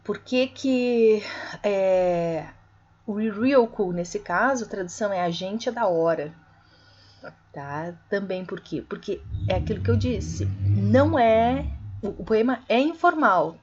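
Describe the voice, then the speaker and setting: A woman teaching an online literature class, explaining slowly, with many fillers and corrections. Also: mid-range voice, animated, highs cut off. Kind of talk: online lecture.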